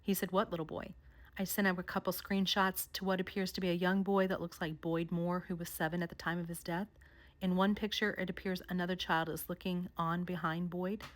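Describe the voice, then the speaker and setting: A woman vlogger narrating a countdown of haunted places in a measured storytelling way. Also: fairly low pitch. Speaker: paranormal vlogger. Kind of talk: scripted narration.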